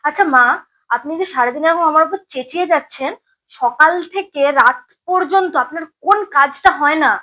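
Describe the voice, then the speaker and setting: A sarcastic young Bengali daughter-in-law, played by a woman answers back in a high, bright voice. She complains and teases in a short comedy skit. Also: a little fast, low-quality recording. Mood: complaining. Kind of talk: comedy sketch acting.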